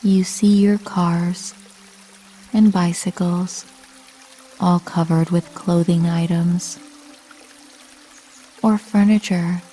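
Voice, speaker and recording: Speaking slowly and deliberately with long pauses, a woman delivers a calm, soothing sleep meditation from a script, framed as a bedtime story. Her voice sits lowish and carries a slight roughness.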